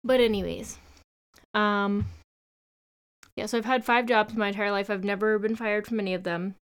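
A woman's voice: medium pitch, steady tone, normal speed, clean tone. A young woman hosting her own podcast, chatting casually with sarcastic, rambling asides. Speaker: podcast host. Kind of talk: casual solo podcast chat.

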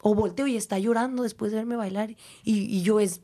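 A woman's voice: mid-range voice, a little fast. A young woman with a Mexican accent, a dancer and teacher, talking reflectively in an interview and acting out what people say. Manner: reflective, animated, acts out quotes. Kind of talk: casual interview talk.

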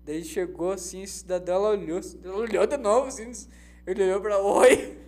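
A man's voice: high voice, quick pace, darkish tone. A man, a co-host who protests and tells stories animatedly in casual chat. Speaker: podcast co-host.

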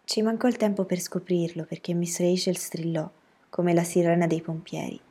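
A woman reading a novel aloud as an audiobook narrator, telling the story in an even, steady way. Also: on the low side, moderate pace, husky.

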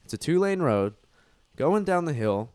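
A young man with a nasal voice, co-hosting a podcast in casual banter, loud and joking, swearing a lot. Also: a little high, sing-song, moderate pace, clear, resonant tone, no room sound, clean studio sound. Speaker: podcast co-host.

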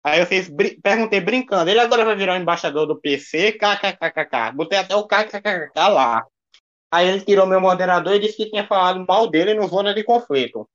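A man speaks a little high, his voice coming over a dull, muffled, lo-fi connection. He is a livestream guest defending himself in a casual debate, circling back and repeating the same phrases. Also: brisk, a bit bright.

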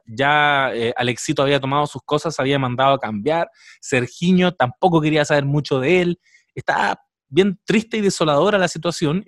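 A Chilean man talks through a TV episode in a relaxed podcast chat, pausing on fillers as he works out his points. His mid-range voice is recorded close and dry, with no room sound. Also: fairly high pitch, dry recording. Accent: Chilean Spanish. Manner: chatty, analytical, with thinking fillers. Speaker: podcast co-host. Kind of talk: casual podcast chat reviewing a series.

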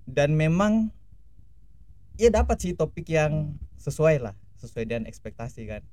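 Seorang pria berusia dua puluhan asal Sulawesi sedang mengobrol santai. Ia sering tertawa dan suka bercanda dengan meniru logat daerah. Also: male voice, fairly high pitch, sing-song, unhurried, darkish tone, no echo. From Sulawesi, Indonesia. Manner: easygoing, laughs often, slips into playful regional accents. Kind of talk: casual conversation.

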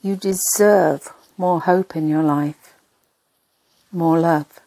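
A woman narrating a sleep meditation in a soft, breathy, husky voice, soothing and hushed, in short spaced phrases. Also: sits low, steady tone, takes it slowly, no room sound, rough recording.

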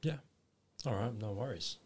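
An English-born man in his twenties, with a fairly low, husky voice at normal speed, chats easily as a podcast guest. His casual interview talk is easygoing and rambling, packed with fillers like "you know".

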